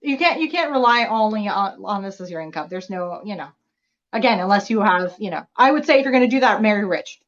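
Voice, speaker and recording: A woman's voice: medium pitch, expressive, quick pace. A young adult woman, a guest author on a video call, talking in a wry, candid, joking way. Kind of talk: casual interview chat. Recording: dull lo-fi video call audio.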